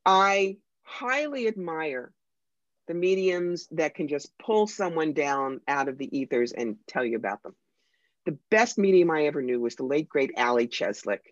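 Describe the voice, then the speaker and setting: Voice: mid-range voice, moderate pace, no echo. American psychic speaking animatedly, dry sound. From United States. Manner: animated, emphatic, wry. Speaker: psychic medium guest. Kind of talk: conversational interview storytelling. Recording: dry, slightly dull lo-fi sound.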